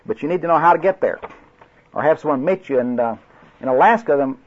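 He's an older man with an Oklahoma accent whose voice runs on the high side, expressive and quick. Acting as an evangelistic crusade class instructor, he gives fellow instructors a folksy, humorous training talk, drawling, storytelling, and restarting as he rambles, captured in a dull lo-fi recording.

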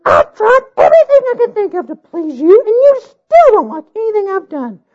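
A man voicing a shrill, frantic young bride who screeches and pleads in a storybook reading. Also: very animated, normal speed, a little mellow. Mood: wailing. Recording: dull lo-fi recording.

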